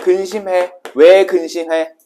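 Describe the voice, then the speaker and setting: A man's voice: sits high, little pitch movement, warm tone, a little hiss or hum. A male Korean literature teacher giving a casual exam prep lecture, quizzing his students and then answering his own questions. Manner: brisk and casual, asking students questions and answering them himself.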